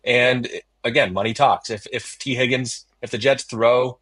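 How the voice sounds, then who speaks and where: A man's voice: medium pitch, level tone, measured pace, sharp tone, no echo. A man working as a team beat reporter in a casual sports chat, leaning on fillers like "you know" and "I mean".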